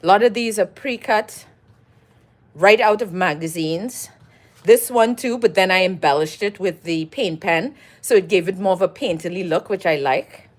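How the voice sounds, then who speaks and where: A woman's voice: mid-range voice, normal speed. A middle-aged woman from Trinidad, chatting casually on her own livestream as she talks through her collage work and greets viewers. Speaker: collage artist hosting a livestream. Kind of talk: casual livestream talk while crafting.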